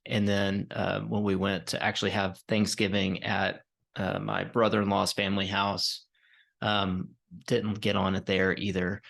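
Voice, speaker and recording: A man in his forties co-hosting a podcast, telling a rambling story in a relaxed, tired way with many fillers. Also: on the low side, a little slow, vocal fry. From Colorado, USA. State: tired, yawning. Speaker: podcast co-host. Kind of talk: casual chat.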